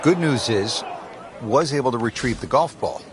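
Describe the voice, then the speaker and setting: A man working as a golf commentator in a video game, with a measured, polished TV announcer delivery. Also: medium pitch, lively intonation, close to an everyday voice. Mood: composed, appreciative. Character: male TV golf commentator, composed and appreciative. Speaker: lead golf broadcast commentator. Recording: background music and crowd ambience.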